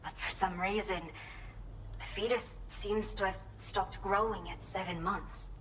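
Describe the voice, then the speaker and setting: An actress voicing a pregnant former bandit woman with a Mexican accent in a video game, earnest and measured. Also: medium pitch, steady tone, a bit bright, slight background noise, lightly acted, low-quality recording. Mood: troubled. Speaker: game character giving delivery orders.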